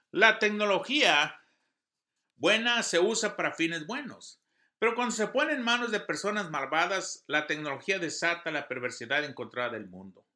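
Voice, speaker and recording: A man's voice: high-pitched, bright, forceful tone. A man giving an earnest devotional sermon, reading scripture and news with emphasis. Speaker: preacher.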